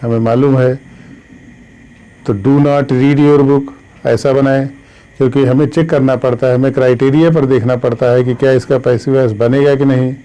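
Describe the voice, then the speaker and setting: A man teaching an online English grammar lesson, slowly dictating letters and spellings and addressing his viewers as friends. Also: mid-range voice, little pitch movement, warm tone, rough recording. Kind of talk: classroom-style online lesson.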